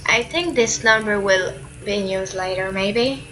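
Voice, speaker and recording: A woman's voice: mid-range voice, unhurried, bright, forceful tone, slight background noise, low-quality recording. A woman playing a video game and chatting casually, reacting aloud to everything on screen. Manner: chatty, reacts aloud to what she sees. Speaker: let's play gamer.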